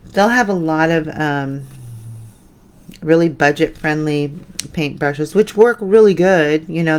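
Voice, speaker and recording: A woman hosting a live painting tutorial, chatting with viewers and trailing off into quiet mutters as she concentrates. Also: sits low. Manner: chatty, answers viewer comments while painting; drifts into soft mutters when concentrating. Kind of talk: live painting demo, casual chat.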